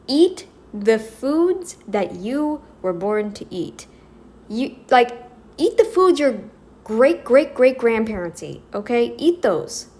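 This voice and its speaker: A woman's voice: fairly high pitch, darkish tone. A North American woman rambling through an emphatic opinion commentary, speaking straight to her viewers. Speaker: commentary vlogger.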